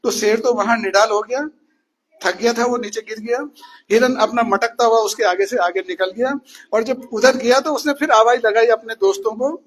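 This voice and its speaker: A man's voice: very high-pitched, fairly even intonation, moderate pace, husky. A male teacher telling a story to children in class, often asking them questions as he goes. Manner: asks questions to the listeners.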